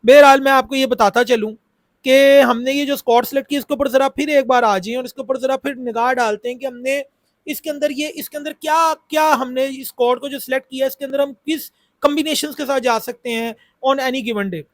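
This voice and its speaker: Speaking briskly with fairly even intonation, a Pakistani man with a very high voice and a sore throat delivers a casual cricket chat for YouTube. There's no room sound, and his analysis is repetitive and stuffed with fillers.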